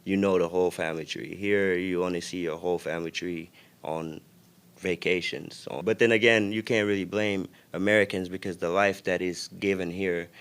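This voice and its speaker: A young man from Senegal with a Senegalese accent, a guest in a casual interview, talking in a relaxed, reflective way with many fillers. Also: deep voice, moderate pace, clear, resonant tone. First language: Wolof. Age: young adult.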